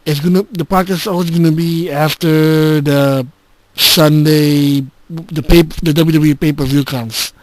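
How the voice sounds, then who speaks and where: Gaming host, male, casual update taped on a console voice recorder like a dictaphone; dry close sound, slightly high pitch, stop-start delivery. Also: steady tone, no room sound, rough recording. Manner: halting, with frequent restarts and filler words. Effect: recorded on a handheld game console's voice recorder, dictaphone-like. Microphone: handheld game console's built-in recorder.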